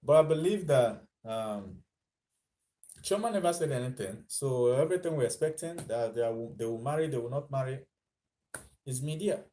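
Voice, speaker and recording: Animated yet mellow, this medium-pitched voice comes from a Nigerian man chatting his way through vlog commentary at an ordinary pace. He mixes Pidgin into his speech and chuckles at his own jokes.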